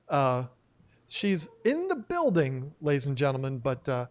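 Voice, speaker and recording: A man's voice: mid-range voice, wildly swooping pitch, slow. A man hosting a live stream, chatting casually, rambling and laughing as he loses his train of thought. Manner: rambling, laughs often, trails off mid-sentence. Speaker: host of an aquarium live stream. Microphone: new studio microphone.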